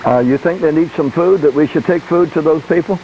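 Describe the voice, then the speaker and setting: A man's voice: fairly high pitch, brisk, warm tone, slight background noise. Man on a muffled phone line. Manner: asks short questions and drops in frequent murmured hums of agreement. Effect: heard over a phone line. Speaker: interviewer. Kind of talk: phone interview.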